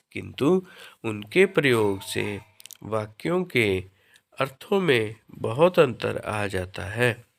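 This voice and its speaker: A man teaching a grammar lesson to children, explaining slowly and deliberately. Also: on the low side, creaky.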